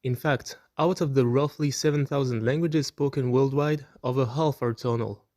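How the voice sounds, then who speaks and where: A man presenting an educational video, reading a scripted explanation in a clear, explanatory way and slowing down to demonstrate example words. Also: mid-range voice, fairly even intonation, darkish tone, no echo, studio quality. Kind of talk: scripted narration.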